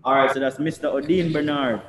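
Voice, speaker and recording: A man's voice: mid-range voice, brisk. Jamaican guy hosting a live stream, laid back, chatty, echoey room w/ faint hiss. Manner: relaxed, chatty, laughs between words. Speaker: host of a student office live stream. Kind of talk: casual live-stream introductions. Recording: echoey room with long reverb, faint noise.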